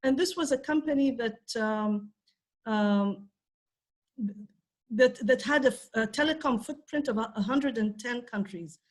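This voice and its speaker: A conference speaker from Ethiopia, a woman in her fifties, gives a conversational talk on a panel. Her voice is on the high side and a little slow, full of fillers and restarts.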